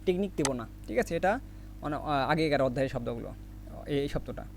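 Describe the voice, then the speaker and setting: A Korean language teacher runs a recorded vocabulary lesson built on memory tricks, repeatedly posing the meaning of each word and supplying the answer himself. He speaks a little fast in an animated mid-range voice, with slight background noise.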